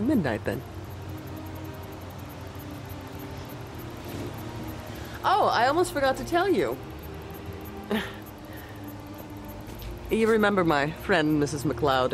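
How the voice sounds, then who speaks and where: In an audio drama, an actress with a low-pitched female voice plays a commander's wife who is imperious and manipulative. Her delivery is haughty and theatrical, with a gossipy, gloating mood.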